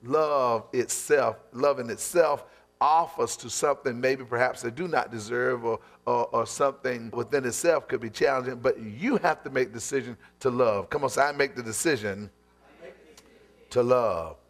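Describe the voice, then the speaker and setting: A man preaching a sermon in church, calling on the congregation to repeat after him and to fill in the missing word. He stretches key phrases out slowly and climbs higher as he builds, at a steady middle pitch. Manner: calls for the congregation to repeat phrases, asks "what?" for them to fill in; drawn-out emphatic phrasing, building in pitch toward the end. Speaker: pastor. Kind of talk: sermon with call-and-response.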